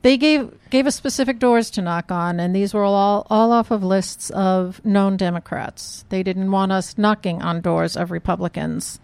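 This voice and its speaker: Animated middle-aged woman telling a story. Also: mid-range voice, moderate pace, creaky, hardly any pauses, clean tone, no echo. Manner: animated storyteller, quotes people in her own voice. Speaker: guest recounting canvassing. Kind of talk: casual conversation, storytelling.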